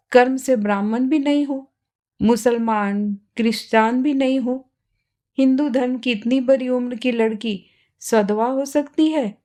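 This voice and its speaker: A woman reading aloud, voicing a sharp-tongued young woman who taunts and then pleads. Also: fairly high pitch, natural voice. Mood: mocking. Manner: sarcastic, taunting. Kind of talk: storybook reading.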